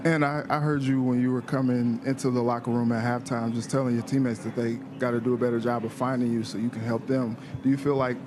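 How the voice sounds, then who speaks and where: Casting: male sports journalist, monotone questioning, mid pitch, noticeable ambience. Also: fast talker, few pauses. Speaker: sports reporter. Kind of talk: press conference question. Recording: noisy room ambience.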